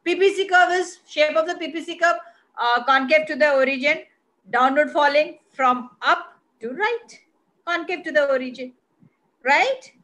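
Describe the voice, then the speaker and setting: A woman's voice: high-pitched, normal speed, fairly bright tone. A woman with an Indian accent teaching an online class as an economics teacher, instructive and repeating key phrases for emphasis. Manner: switches between English and Hindi. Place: online video call class.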